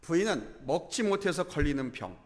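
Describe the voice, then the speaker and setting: A male pastor delivering a Sunday sermon in a church, telling a story with animated delivery and acting out its characters. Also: a little high, normal speed. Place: church sanctuary. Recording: echoey church hall.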